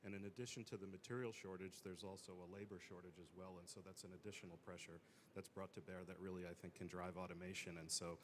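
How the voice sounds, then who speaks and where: A man with a very deep, flat voice speaks quickly as a guest on an industry panel. He leans heavily on fillers, and faint room ambience sits behind him. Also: noisy background. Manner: fast-talking, filler-heavy. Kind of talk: panel discussion answer.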